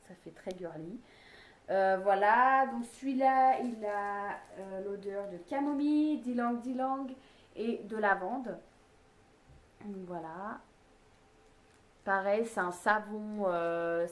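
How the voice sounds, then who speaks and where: A woman vlogger casually reviewing bath products, talking hesitantly with many fillers. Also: medium pitch. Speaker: beauty vlogger. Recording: echoey room.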